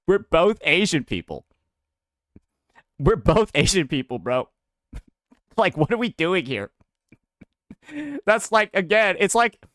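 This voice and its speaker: Animated bright-voiced male streamer. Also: sits high, no echo, clean studio sound. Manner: animated, slangy, swears often, says "bro" a lot. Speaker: livestreamer. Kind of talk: casual stream commentary.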